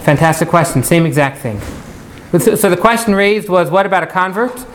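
A man's voice: high-pitched, expressive, fairly quick. A man teaching a class as an interactive lecture, putting questions to his students and repeating key points. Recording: noisy live classroom recording.

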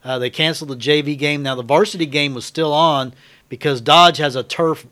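An American man co-hosting a sports radio show, chatting casually in a halting way and repeating himself. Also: fairly high pitch, fairly even intonation, bright, forceful tone. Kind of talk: casual chat. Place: radio studio.

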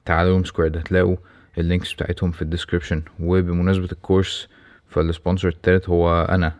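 A man's voice: low-pitched, monotone, very fast, a little mellow. A man with an Egyptian Arabic accent, a podcast host making a casual solo announcement to his listeners.

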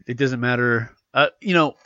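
This podcast host has a medium-pitched, sharp-toned voice and talks at normal speed, stuffed up from allergies. Reading news in casual chat, he rambles through fillers and restarts on a muffled recording without echo.

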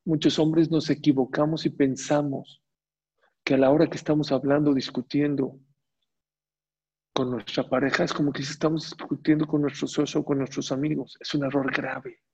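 A Torah teacher delivers a religious lecture in a slightly high, husky, darkish voice, speaking at a normal pace with flat delivery. He poses rhetorical questions to his audience and repeats phrases for emphasis. The recording sounds dull and a little muffled.

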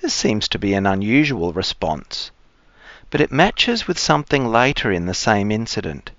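A man's voice: on the low side, sing-song, normal speed, a bit bright, no echo. Dry-sounding man reading scripture. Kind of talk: measured scripture reading and homily. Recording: dry, slightly dull close sound.

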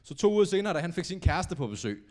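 A young man performing a stand-up comedy set on stage, telling stories animatedly and acting out quotes with sudden shouts. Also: high-pitched. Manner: animated storytelling, acts out quotes with big shouts. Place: comedy stage before a live audience.

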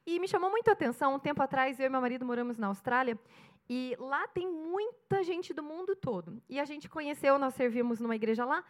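Animated Brazilian woman pastor, high voice. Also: brisk. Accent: Brazilian Portuguese, Curitiba. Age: 30s. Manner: animated storytelling, acting out dialogue. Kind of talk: sermon.

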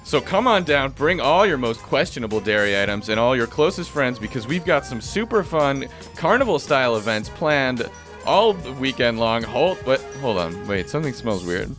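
A man's voice: mid-range voice, very animated, normal speed, a bit bright, faint music behind. A man playing a radio co-host, jokey and upbeat, bantering and reading promos in a comedy sketch.

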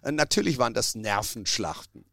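A man's voice: on the low side, animated, a little fast, creaky, sharp tone, no echo, studio quality. A man giving a spontaneous answer in a football interview.

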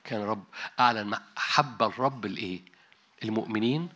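A man's voice: on the low side, fast, bright, forceful tone. A man preaching a sermon in an Egyptian Arabic accent, talking conversationally and dropping in English words. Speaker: pastor. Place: large conference hall.

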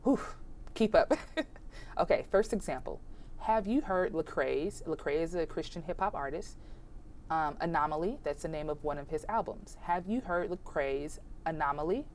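A woman's voice: sits low, lively intonation, moderate pace, a little mellow, slight background noise. A woman hosting an informal instructional podcast, chatty and encouraging, spelling examples out carefully, her voice strained from being sick. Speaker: podcast host teaching punctuation.

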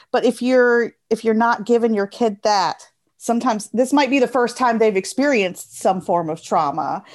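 An American woman with a slightly high voice talks informally and earnestly in a casual interview, often repeating phrases for emphasis.

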